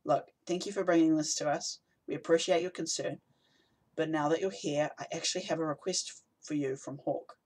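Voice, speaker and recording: A man voicing a tired, brisk woman who leads a rebel cell, curt and weary in manner, in an audiobook. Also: a little high, steady tone, darkish tone, lightly acted.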